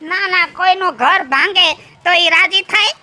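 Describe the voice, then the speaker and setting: A man's voice: very high-pitched, steady tone, normal speed, heavy background noise. A man playing a grumpy old village man whose wife has left, complaining and cursing in a theatrical way. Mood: aggrieved. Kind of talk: rustic comedy sketch acting.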